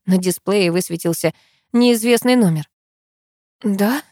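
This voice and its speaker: A woman reads a first-person story with expressive feeling. Her voice sits at a middle pitch. The recording is close and dry. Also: normal speed, no room sound. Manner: emotional, expressive reading. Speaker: narrator. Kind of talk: first-person audiobook narration.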